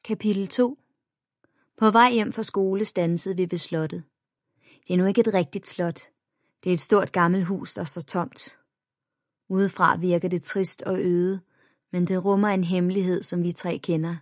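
A woman reads a children's chapter book aloud in the first person. Her voice is lowish and steady, told plainly. The recording is close and completely dry. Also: no echo. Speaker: audiobook narrator.

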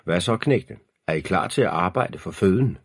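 Guy doing a gruff farmer uncle, low husky and blunt. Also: expressive, dry recording, clean studio sound, full character voice. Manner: brusque, teasing. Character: gruff middle-aged pig farmer and hunter uncle.

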